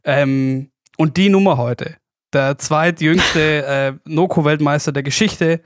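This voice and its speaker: A male podcast host explaining a game and firing off quick either-or questions in a brisk, upbeat way, with many fillers. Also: fairly high pitch, no echo, clean studio sound. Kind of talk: quick-fire question game and sports chat.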